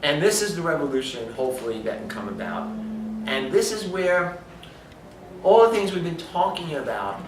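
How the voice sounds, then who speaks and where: A man's voice: a little high, big pitch swings, normal speed, noisy background. A man giving an emphatic health talk, lecturing and asking rhetorical questions. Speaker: speaker on supplementation. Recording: echoey room from far off.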